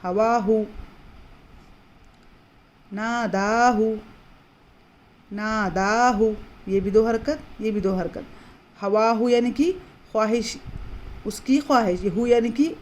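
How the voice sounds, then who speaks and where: A woman teaching Quran reading in a patient, explanatory way, repeating words slowly and drawing them out. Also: on the high side, a little mellow. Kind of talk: slow explanatory lesson.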